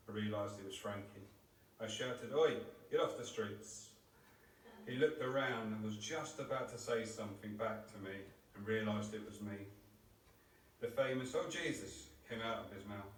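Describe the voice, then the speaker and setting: Male eulogist, low flat voice, heartfelt reading, picked up from a distance in a roomy chapel. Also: a little hiss or hum. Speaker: relative giving a eulogy. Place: crematorium chapel.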